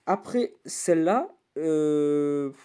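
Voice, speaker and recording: A man's voice: fairly high pitch, expressive, very slow, warm tone, clean tone. A man giving casual tier-list commentary on songs, hesitant with many restarts, with bursts of enthusiastic verdicts. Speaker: youtuber ranking songs.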